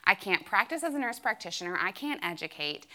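Woman in her thirties, church testimony, bright voice, animated pitch, candid and dramatic. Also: brisk. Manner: candid and self-dramatizing, many "like" fillers. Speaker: speaker sharing a testimony. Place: room with an audience.

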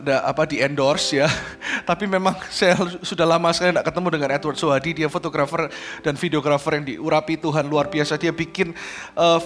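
A male pastor, preaching an online sermon in an animated way that grows emphatic, mixing in English phrases. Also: a little high.

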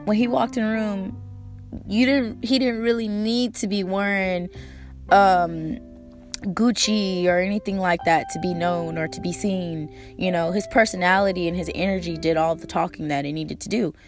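A woman hosting a casual motivational monologue, slangy and emphatic with swearing, her squeaky, strained voice hoarse from a cold. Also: steady tone, moderate pace, faint music behind. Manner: slangy, swearing, emphatic, repeating key phrases. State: hoarse from a cold, recovering from a lost voice. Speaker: podcast host.

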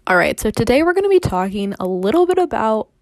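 A woman's voice: on the high side, big pitch swings, fast. A teenage woman hosting a podcast, telling work stories in a rambling, sarcastic, casual way full of fillers. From Seattle area. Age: teens. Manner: rambling, sarcastic, many fillers like "like" and "you know". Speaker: podcast host. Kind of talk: casual storytelling monologue.

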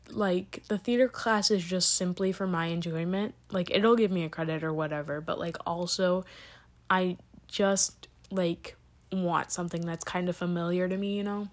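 A teenage girl hosts her podcast solo, chatting loosely and losing her thread. She leans on "like" and "you know" and wanders between thoughts. Her pitch sits in the middle for a woman. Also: darkish tone. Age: late teens. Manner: chatty, scattered, full of "like" and trailing tangents. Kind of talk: rambling casual podcast monologue.

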